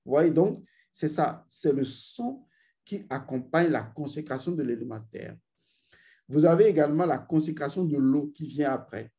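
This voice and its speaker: A spiritual teacher with a slightly high, mellow, warm voice gives ritual instruction, speaking slowly, deliberately and expressively. He often stops to intone long vowel sounds and addresses learners directly. He keeps asking if they follow, repeating "vous voyez."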